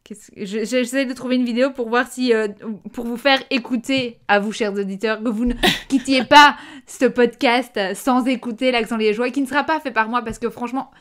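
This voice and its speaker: A young woman from Belgium with a Belgian French accent co-hosts a relaxed podcast chat. Her voice is smooth and clear and sits a little high for a woman. She hesitates and restarts, padding her sentences with fillers. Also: normal speed, few pauses. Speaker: podcast co-host. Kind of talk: casual chat.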